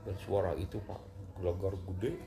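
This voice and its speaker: A man's voice: low-pitched, moderate pace. A middle-aged man, a guest in an interview, emotionally recounting a personal story. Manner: emotional, animated retelling with rising outbursts.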